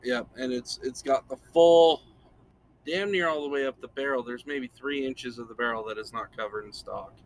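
A male podcast host talking casually at a middle pitch, laid-back and rambling. He chuckles often. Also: normal speed, dry recording. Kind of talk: casual chat.

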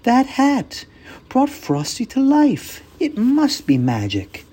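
A storybook reader voicing an earnest, brave little girl in a high, eager voice. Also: sing-song, measured pace, a little mellow, husky, exaggerated voice. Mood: excited. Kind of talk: storybook character voice.

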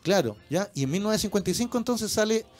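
A man's voice: high-pitched, expressive, rapid-fire, a little mellow. A Chilean man hosting a radio show, chatting casually about music and constantly adding little tag questions. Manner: peppers speech with tag questions. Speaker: radio host. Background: faint music.

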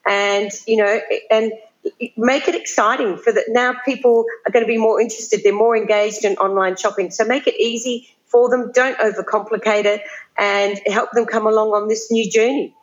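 A woman's voice: on the high side, steady tone, moderate pace. Woman on slightly dull audio. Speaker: podcast guest, beauty brand merchant. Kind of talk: conversational interview.

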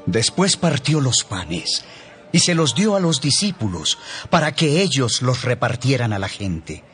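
A man narrating a Bible audiobook in a measured, expressive storytelling manner. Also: mid-range voice. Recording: narration over background music.

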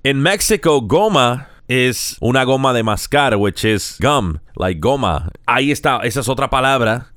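Man, casual vlog chat, rambling, mixes English and Spanish, crisp voice, dry recording. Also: medium pitch, animated, normal speed, few pauses, fairly bright tone, no room sound. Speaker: vlogger.

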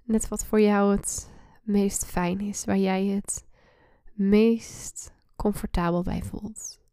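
A woman leading a guided meditation in a soft, breathy, soothing voice that often slips into a hushed spa-like whisper. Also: medium pitch, steady tone, takes it slowly, no echo, studio quality. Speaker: guided meditation podcast host. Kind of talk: slow guided relaxation meditation.

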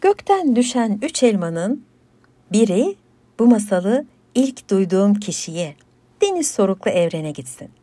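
A woman's voice: medium pitch, big pitch swings, unhurried, dark tone, breathy edge, dry recording. A woman telling a folktale as a storyteller, with a lilting, rhythmic delivery and rhymed closings.

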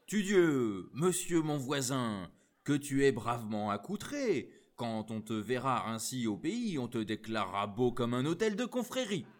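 A man's voice: fairly low pitch, big pitch swings, slow, exaggerated voice. A man voicing a hearty, demonstrative nobleman from Gascony with a Gascon accent. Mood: jovial.

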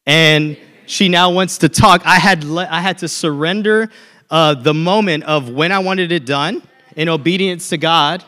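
A man's voice: fairly high pitch, a little slow, pushed and bright. A man in his thirties preaching a sermon as a pastor, telling a personal story in a conversational way and checking in with "okay?" often.

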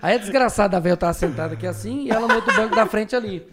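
A man with a high voice talks at a rapid clip, spinning profane, slang-filled stories in a casual podcast conversation. He is a streamer guest, and his animated telling breaks into sudden shouted outbursts. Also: over a noisy crowd.

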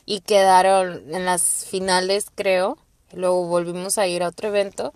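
A woman's voice: lowish voice, unhurried, no room sound. Woman, Mexican accent, young adult, podcast host, rambling, profane, dry close sound. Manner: rambling, profane, animated quoting. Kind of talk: casual personal storytelling.

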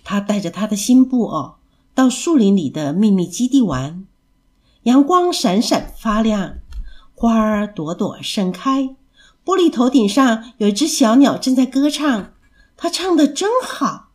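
Woman storyteller, children's story reading, expressive and lively, fairly high voice. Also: unhurried.

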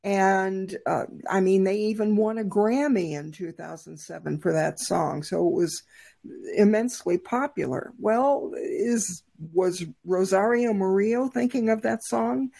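A woman co-hosting a discussion podcast, speaking slowly and deliberately and stopping often to gather her words. Her voice is dark and gravelly, with a husky edge. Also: medium pitch. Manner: measured, thoughtful, with frequent fillers. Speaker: podcast co-host.

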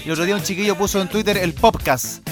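A man's voice: high voice, quick pace, over music. A man with a Chilean accent co-hosting a podcast, chatting casually and playfully with a theatrical host delivery.

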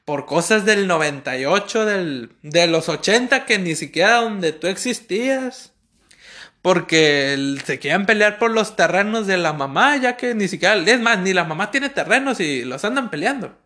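A man's voice: sits high, animated, normal speed, sharp tone. A man with a Mexican accent telling comic stories in a slangy, rambling way, as host of his own show. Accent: Mexican Spanish. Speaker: podcast host. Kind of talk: comic storytelling monologue.

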